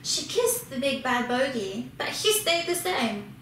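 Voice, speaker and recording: A woman reading a children's storybook aloud, slow and expressive in a high voice. She sounds distant in a very echoey room, with a faint hiss underneath.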